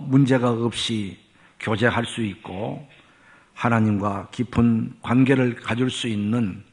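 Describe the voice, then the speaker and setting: A man preaching a sermon, telling a story and then teaching in a measured way that rises for emphasis. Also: medium pitch. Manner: measured preaching with rising emphasis and drawn-out pauses. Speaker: pastor.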